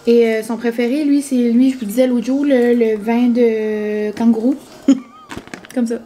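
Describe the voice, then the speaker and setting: A woman's voice: fairly high pitch, steady tone, unhurried, mellow, a little hiss or hum. A young woman, chatting casually for her vlog, full of fillers and dropping in English words. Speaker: vlogger. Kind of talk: casual chat.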